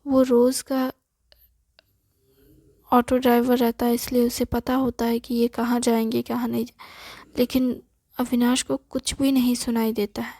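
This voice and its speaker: Slow, soft-spoken woman storyteller. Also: on the high side, little pitch movement, no room sound. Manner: soft, half-whispered reading. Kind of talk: storytelling narration.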